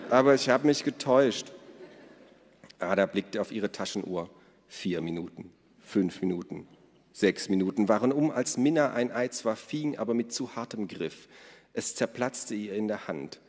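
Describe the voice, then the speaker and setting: A man narrates a children's story for radio in a clear, even reading voice. He sits low in pitch. A long hall reverb carries his words. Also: normal speed.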